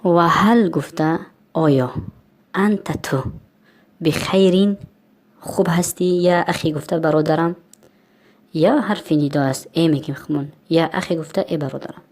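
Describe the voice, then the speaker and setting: Low-voiced woman with a Tajik accent. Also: darkish tone. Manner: repeats words slowly, then glosses them. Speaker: lesson host and translator. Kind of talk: explaining vocabulary in a language lesson.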